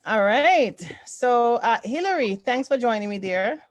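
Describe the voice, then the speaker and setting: A woman from Toronto, Canada hosts an online sewing group on an indoor video call, chatting casually in a livestream and often repeating short affirmations. Her voice is on the high side with lively intonation and a measured pace, in a dry recording.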